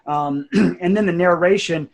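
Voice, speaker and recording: With a high voice at a moderate pace, a man explains his creative process in a casual, reflective way; he writes and narrates audio drama.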